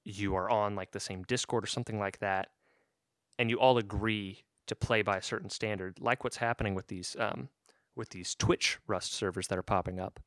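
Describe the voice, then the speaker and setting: A man's voice: on the low side, steady tone, normal speed, a bit bright, no room sound, studio quality. A man co-hosting a podcast, explaining at an easy pace with lots of ums and restarts. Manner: easygoing, explains at length with fillers and restarts. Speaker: podcast co-host. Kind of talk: casual gaming chat.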